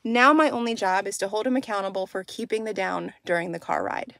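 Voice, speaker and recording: A woman in her thirties, a dog trainer, talking calmly and upbeat to a phone camera from a car. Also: medium pitch, fairly quick, vocal fry. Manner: calm, upbeat, explanatory. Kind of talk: casual instructional vlog. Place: inside a parked car, then outdoors on a street. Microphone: phone camera held at arm's length. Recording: noisy car and street ambience.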